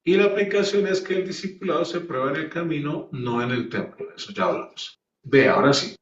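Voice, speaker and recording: Recorded from afar with an echoey, dull quality and slight background noise, a man teaches a Bible class much like a sermon. He talks a little fast on the high side, pressing his points and asking his listeners rhetorical questions.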